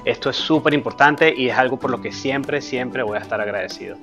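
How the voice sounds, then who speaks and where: A man, introducing himself to camera in a steady, earnest way with frequent fillers. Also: mid-range voice, brisk, lo-fi sound, over music. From Venezuela. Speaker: personal finance YouTuber. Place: dark studio with a screen backdrop.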